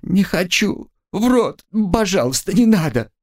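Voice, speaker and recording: Male reader playing a frightened young woman, high shrill pleading, swinging wildly in pitch, audiobook. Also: big pitch swings, measured pace. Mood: panicked pleading. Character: terrified young woman student, sobbing and pleading.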